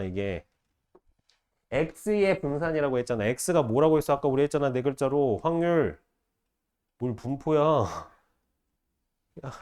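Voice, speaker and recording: A man teaching math to a class, firing short questions at students and repeating key phrases slowly. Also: a little high, darkish tone. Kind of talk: classroom lecture.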